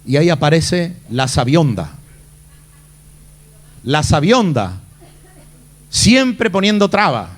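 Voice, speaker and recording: Male pastor, high voice, dramatic sermon delivery. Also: sing-song, slow pace, long pauses. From Spain. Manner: dramatic, acts out the Bible figures' lines.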